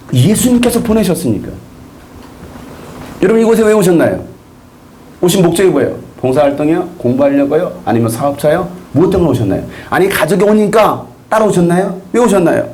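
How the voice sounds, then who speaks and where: Man pastor preaching, high voice, swooping lively pitch, rhetorical questions to the congregation. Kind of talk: sermon.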